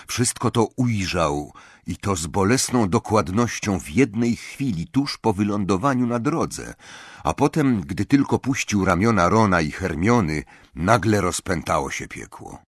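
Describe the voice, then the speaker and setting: A man narrates a fantasy audiobook in a lowish, husky voice that rises and falls with lively drama. The sound is dry and close to the mic, with no room around it. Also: dry recording. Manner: expressive, dramatic storytelling.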